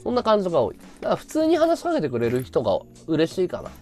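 A man live-streaming a casual chat, blunt and ranting, swinging from loud outbursts to low mutters. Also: wildly swooping pitch, fast, soft background music.

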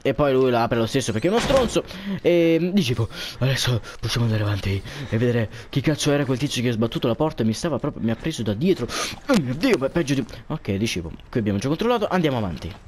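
A man's voice: mid-range voice, very animated, quick pace, darkish tone, slight background noise. A man commenting on a horror game for viewers, jumpy and joking, swearing often at what scares him. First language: Italian. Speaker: gameplay commentator.

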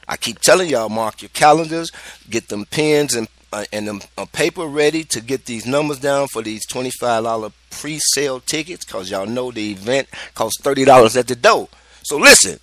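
Lively radio DJ. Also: male voice, medium pitch, dry recording. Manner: animated, slangy, repeats himself. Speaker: radio DJ host. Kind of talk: casual radio show chat.

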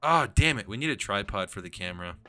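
A man's voice: on the low side, animated, quick pace, pushed and bright, no room sound. Jumpy, swearing young man gaming. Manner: jumpy, swearing, nervous laughter. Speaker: gaming channel host. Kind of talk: casual gameplay chat.

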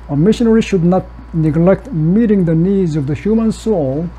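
Middle-aged man, high-pitched, mellow, measured conference lecturer, faint room hiss. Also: low-quality recording. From South Korea. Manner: measured, reads prepared text with occasional restarts. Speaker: missiologist lecturer. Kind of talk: academic conference presentation.

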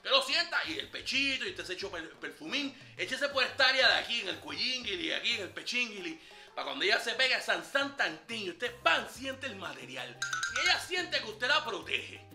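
A man's voice: high voice, very animated, normal speed, sharp tone, faint music behind, heavily acted. A man playing a brash, flirty ladies'-man character who hands out dating tricks in swaggering, slangy banter in a comedy sketch. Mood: boastful. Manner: swaggering slangy banter, calls listener papá. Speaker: comic character giving dating tips. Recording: roomy echo.

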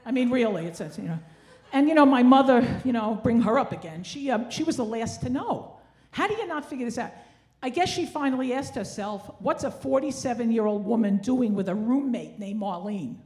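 Holding a stage mic in an indoor theatre, a woman in her sixties does stand-up built on wry, self-deprecating, Yiddish-inflected kvetching. She has a high, darkish voice with lively intonation, speaking fairly quickly over live stage ambience that carries clear noise.

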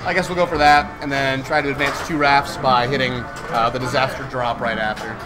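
A man's voice: mid-range voice, fairly even intonation, a little fast, poor audio. A man giving casual livestream commentary on his own game as he plays. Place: indoor bar arcade. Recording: loud music in a busy arcade. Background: loud music.

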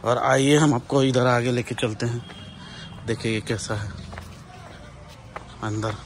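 A man's voice: mid-range voice, fairly even intonation, takes it slowly. Vlogger dude walking around outside w his phone, chatty, keeps telling you to look, faint noise in the background. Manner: chatty, lots of "dekhiye" pointing things out. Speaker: vlogger and interviewer. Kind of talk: walking tour vlog commentary. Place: outdoors walking around an old bungalow compound. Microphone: phone camera held by the speaker.

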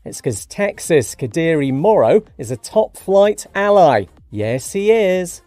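Cheeky upbeat guy reading news headlines, mellow voice, dry close mic, light music behind. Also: fairly high pitch, no room sound. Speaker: news podcast host. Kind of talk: scripted news read. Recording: dry studio read over light music.

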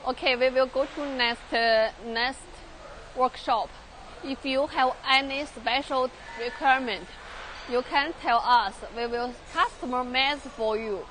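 A young Chinese woman touring a large factory workshop in halting English with a Chinese accent, repeating words and using many fillers, filmed on a handheld phone. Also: high-pitched, fairly bright tone, slight background noise. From China. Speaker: factory tour guide. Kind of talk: live factory tour walkthrough. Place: large industrial workshop and outdoor factory yard.

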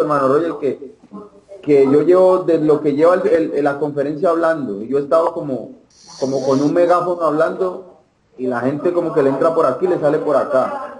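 Eager man in an echoey room. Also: a little high. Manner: eager, addresses the minister as brother. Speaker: participant in an online meeting. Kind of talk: casual testimony.

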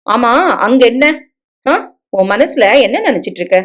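A woman's voice: on the high side, normal speed, pitched above the performer's own voice, close to an everyday voice. A woman voicing a harsh, domineering young husband. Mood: scolding. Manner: curt, scolding, barking orders.

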